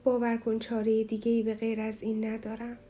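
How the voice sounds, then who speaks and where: A woman's voice: a little high, completely flat delivery, dark tone, natural voice. Woman voicing an earnest, reassuring young man. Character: earnest young man leaving home, tender and determined.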